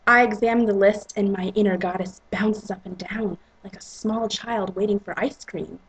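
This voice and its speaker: Female narrator, breathy and husky, dramatic reading of romance fiction. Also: mid-range voice, fairly even intonation, moderate pace, rough recording. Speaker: reader and narrator.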